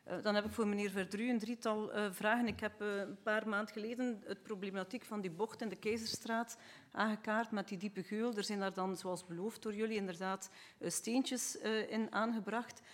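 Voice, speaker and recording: A woman's voice: mid-range voice, steady tone, moderate pace. A woman with a Flemish accent, asking a council member detailed, earnest questions at a city council meeting.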